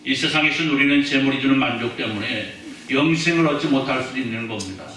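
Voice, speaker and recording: Chatty pastor in an echoey church. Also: male voice, medium pitch, fast talker, pushed and bright, a little hiss or hum. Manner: chatty, joking, asks the congregation questions. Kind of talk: sermon. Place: church sanctuary. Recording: echoey church hall, mic at a distance.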